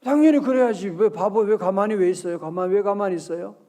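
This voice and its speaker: A male pastor preaching at an early-morning prayer service, talking in a lively, conversational way and often asking the congregation questions, with slow scripture readings. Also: high voice. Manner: reads scripture aloud slowly.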